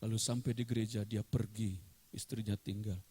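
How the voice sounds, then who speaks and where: A man's voice: lowish voice, flat delivery, moderate pace, mellow, breathy edge. A man preaching a sermon as a pastor, telling a story with acted dialogue and building to fervent exhortation.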